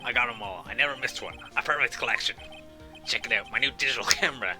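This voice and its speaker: A man's voice: mid-range voice, fast talker, pushed and bright, faint music behind. A young man casually reading game dialogue with friends, often laughing and adding gags. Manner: laughs a lot, reads lines with gags. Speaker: player voicing the lead.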